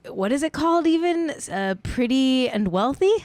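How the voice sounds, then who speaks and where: A woman's voice: high voice, normal speed, no echo. A woman hosting a casual comedic live stream, riffing playfully with her chat. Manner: playful, riffing, animated jokes. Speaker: host.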